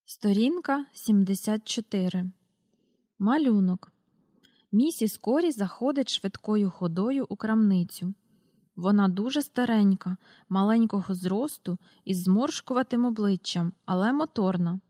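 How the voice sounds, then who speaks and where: A woman's voice: medium pitch, animated, a little slow, mellow, dry recording, studio quality. Woman reading a children's book aloud. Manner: reads out page numbers and describes the pictures. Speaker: reader.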